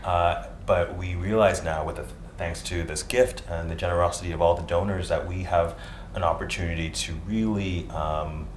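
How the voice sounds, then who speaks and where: A man speaking for a nonprofit in a TV studio interview, earnest and measured, with filler pauses. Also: low voice, fairly even intonation, echoey room, a little hiss or hum. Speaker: nonprofit spokesperson.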